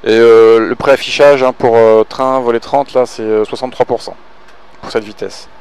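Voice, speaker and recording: Male pilot, mid-pitched, gravelly edge, casual instructional callouts with hesitations, over faint vehicle noise. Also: steady tone, moderate pace, darkish tone. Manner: hesitant, thinking aloud between clipped callouts. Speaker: pilot calling checklists and guiding the flying pilot.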